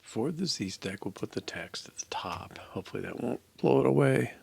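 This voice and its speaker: With a husky, slightly mellow medium-pitched voice and some vocal fry, an older man hosts a live coding session from indoors at home, musing and muttering as he codes. His intonation is lively and his pace moderate. There's no room sound in the recording.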